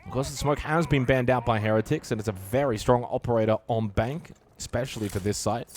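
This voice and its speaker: A man giving live esports play-by-play commentary, emphatic and excitable in delivery. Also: medium pitch, brisk. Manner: excitable, emphatic calls in big moments.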